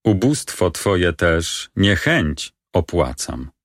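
A man reading the part of a young male lover in grim despair in a stage play, with slow, solemn delivery. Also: sits low, sing-song, dry recording, clean studio sound, exaggerated voice. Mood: grimly persuasive. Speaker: reader of a play.

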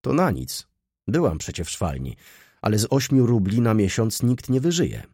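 A pert, cynical poor girl of nineteen, brash and mocking, pushed up higher and louder than the reader's own low tone, as a male narrator puts her on. The voice keeps a husky, dark grain underneath. It is recorded dry and close, with no room sound. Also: huge pitch swings, moderate pace, dry recording, heavily acted. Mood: brash, chatty.

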